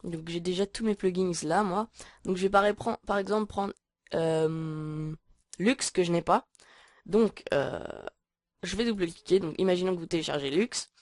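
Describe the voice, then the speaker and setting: A woman talking through a casual software tutorial, hesitant and full of filler sounds. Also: lowish voice, moderate pace, no room sound, clean studio sound. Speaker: tutorial maker. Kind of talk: casual screen-recording tutorial.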